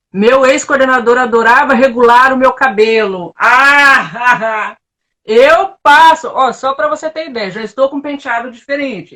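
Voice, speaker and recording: A woman with a Brazilian accent, a guest in a casual live-stream chat, telling her stories frankly and expressively. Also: a little high. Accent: Brazilian Portuguese. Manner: candid, expressive storyteller.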